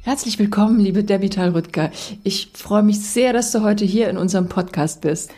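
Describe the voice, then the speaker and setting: A friendly woman hosting a podcast who reads her introduction and then asks her guest questions. Her voice is husky and mellow, with faint music playing behind her. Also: medium pitch, normal speed. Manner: friendly, welcoming. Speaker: podcast host.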